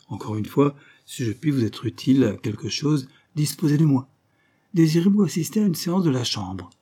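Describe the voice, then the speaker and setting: A man reading the part of a haughty, hurried male deputy who is affectedly polite and dismissive. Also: medium pitch, expressive, dark tone, slightly rough, voice pushed up. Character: haughty busy male deputy, Parisian cousin.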